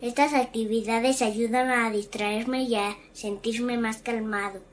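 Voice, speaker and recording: Casting: woman as earnest young cartoon boy, slightly high voice, simple scripted delivery for a kids' explainer. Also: steady tone, unhurried, natural voice. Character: earnest anxious little boy sharing his feelings. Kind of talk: scripted animated explainer dialogue.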